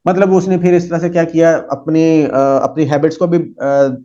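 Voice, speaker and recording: A man teaching a psychology lesson. He reads English lines slowly and explains them with many fillers. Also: on the high side, level tone, warm tone. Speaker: psychology lecturer. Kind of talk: lecture reading English text and explaining in Urdu-Hindi. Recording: dull lo-fi recording.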